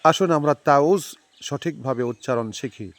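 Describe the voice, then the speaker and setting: A man teaching careful recitation, repeating each word slowly and drawing out the sounds between explanations. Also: a little high, dry recording. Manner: slow, drawn-out model recitation between quick explanations. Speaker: religious teacher. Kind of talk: recitation lesson.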